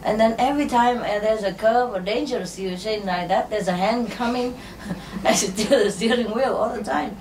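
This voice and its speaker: A woman telling jokes and stories to an audience in a halting, unhurried way, with many fillers. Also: a little high, darkish tone. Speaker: spiritual teacher telling jokes. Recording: distant mic with faint ambient noise.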